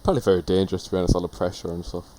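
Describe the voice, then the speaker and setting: A man's voice: sits low, steady tone, very fast, dark tone, poor audio. A young man co-hosting a casual podcast chat, teasing the others and moving the segments along. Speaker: podcast co-host. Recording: faint background noise.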